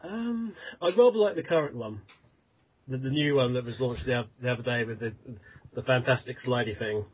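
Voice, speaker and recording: A man's voice: medium pitch, lively intonation, brisk, slightly rough. A man who founded the site, talking hesitantly with repeated words in a casual group interview. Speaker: website founder, guest. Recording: dull lo-fi audio.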